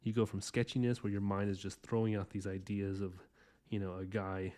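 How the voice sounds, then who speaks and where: In a warm, brisk voice on the low side with little pitch movement, an artist in his thirties chats through a casual drawing tutorial as he sketches. His talk rambles and keeps restarting.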